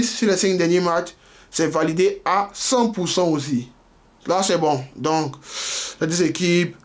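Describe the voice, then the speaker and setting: A man with a fairly high voice walks viewers through a betting tutorial on screen. He goes step by step, repeats himself often and keeps checking in with "ok" and "voilà." The delivery is loose and casual, and he speaks straight to the audience. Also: a little mellow. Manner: explains step by step, repeats phrases, frequent "voilà" and "ok"; addresses viewers directly, informal. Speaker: sports betting tipster.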